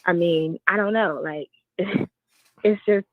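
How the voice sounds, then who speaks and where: A woman's voice: on the low side, slow pace, dry recording. A woman calling in over a phone line, earnestly making her point with hesitations and repeats. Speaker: caller. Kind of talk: casual call-in opinion. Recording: dry, narrow phone line.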